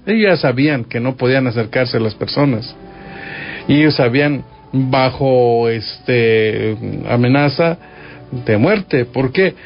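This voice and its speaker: A man with a Mexican accent teaches scripture on a radio show in an easy, conversational way, often turning to the listener with questions. His voice sits at a middling pitch. The broadcast sound is a bit dull, with soft music underneath. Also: unhurried. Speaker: radio preacher.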